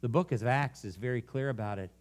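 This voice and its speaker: A man preaching a sermon, earnestly telling a story that moves from animated to hushed. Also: medium pitch, fast talker. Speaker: guest preacher.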